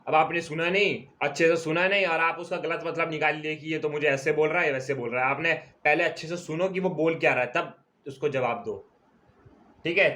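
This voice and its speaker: A man teaching a commerce lecture at a board, explaining terms step by step and stretching key words out slowly. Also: a little high, a bit bright. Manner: repeats key terms slowly, checks in with "ठीक है". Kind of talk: classroom lecture.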